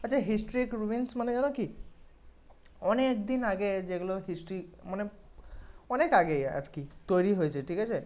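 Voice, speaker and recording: A woman's voice: mid-range voice, moderate pace, a little mellow. A woman, explaining English exam questions in a casual lesson and checking in often with her students. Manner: conversational, checks in with "okay?" often.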